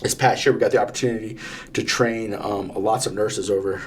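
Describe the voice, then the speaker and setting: A man's voice: fairly low pitch, fairly even intonation, a little fast, crowd noise. A man of fifty, co-hosting a podcast, talking earnestly in long stories with many restarts. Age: 50s. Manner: earnest, repetitive restarts, storytelling. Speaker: podcast co-host. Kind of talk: casual podcast conversation.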